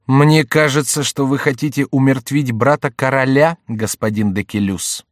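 Man reading as an imperious young duke, cold and commanding, pitched up, dry read. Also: fairly even intonation, moderate pace, dry recording, natural voice. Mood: stern. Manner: stern, menacing. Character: haughty young royal duke, stern and imperious.

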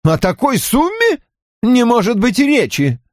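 A man doing a pushy smooth-talking businessman. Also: a little high, very animated, measured pace, a little mellow, no echo, clean studio sound, voice pushed up. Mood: firm. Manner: persuasive, wheedling, pressing. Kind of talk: audiobook character voice.

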